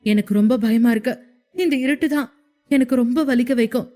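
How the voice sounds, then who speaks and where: A woman's voice: fairly high pitch, normal speed, warm tone, soft background music, lightly acted. A woman voicing a frightened young woman who pleads and trembles in a storybook narration. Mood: frightened pleading.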